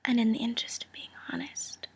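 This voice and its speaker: A woman playing a cool, calculating female mobster in a whispered role-play, breathy, teasing and condescending, delivering a friendly threat. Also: on the high side, wildly swooping pitch, fairly quick, heavily acted. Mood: cool, doubting.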